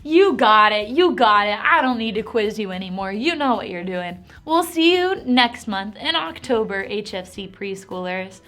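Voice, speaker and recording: An animated, encouraging woman who teaches a Bible lesson to preschool children. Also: medium pitch, normal speed, hardly any pauses, soft background music.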